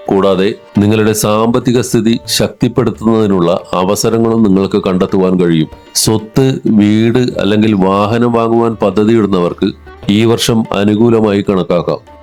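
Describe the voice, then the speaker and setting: A man giving a scripted horoscope narration in an even, formal reading voice. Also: lowish voice. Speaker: astrology narrator. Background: soft instrumental music.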